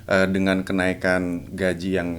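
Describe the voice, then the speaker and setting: A man hosting a casual podcast chat. He talks in a relaxed, easygoing way and often pauses on fillers. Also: low-pitched, a little hiss or hum. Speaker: podcast host.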